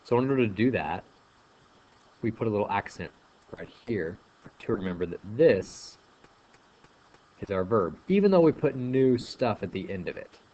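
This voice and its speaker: A man with a fairly low voice talks through a grammar lesson, walking students through each step and filling pauses with ums. The recording sounds a little dull, with a faint hiss underneath. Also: animated, darkish tone. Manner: explains step by step with frequent ums. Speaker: Spanish teacher. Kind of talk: classroom lesson narration.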